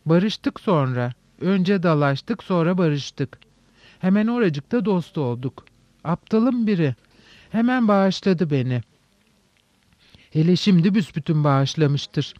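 A man voicing a reckless, excitable young man who talks brashly in an audiobook reading. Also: on the high side, slow, no room sound. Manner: impulsive, brash. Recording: dull dry recording.

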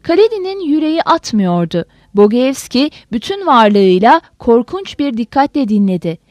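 High, lively woman reading a novel. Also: normal speed, no echo. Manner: expressive, dramatic reading. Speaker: narrator. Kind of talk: audiobook narration of a novel.

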